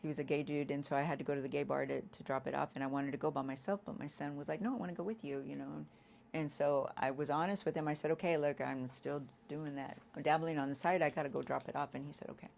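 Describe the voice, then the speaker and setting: A woman with a low voice speaks candidly about her own past, halting and restarting as she goes. A faint hiss sits under the recording. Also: steady tone, creaky. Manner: halting, restarts often, leans on "you know"; acts out quoted lines with sudden loud bursts. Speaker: guest sharing an addiction recovery story. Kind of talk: candid personal testimony.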